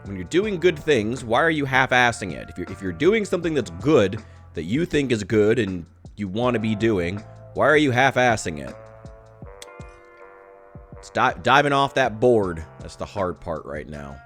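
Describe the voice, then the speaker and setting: A thirty-year-old man talks to the camera in a loose, meandering vlog, low in pitch and blunt about his frustrations. He curses casually and laughs at himself between tangents. Soft music plays faintly underneath. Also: very animated, moderate pace. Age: 30s. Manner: candid, rambling, profane, self-deprecating. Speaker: YouTuber.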